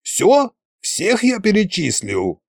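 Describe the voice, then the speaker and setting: A man puts on a creaky, gloating storybook ghost, a furry ball of a creature full of boastful menace. He drags out his threats slowly, with a lively, swooping pitch, recorded close and dry. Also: no echo, full character voice.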